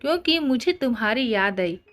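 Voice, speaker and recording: A smug, domineering young nobleman in a romance storybook, as a woman narrator puts him on. He teases and coaxes playfully, in a voice left on the high side. Soft music runs underneath. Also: animated, moderate pace, lightly acted. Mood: teasing.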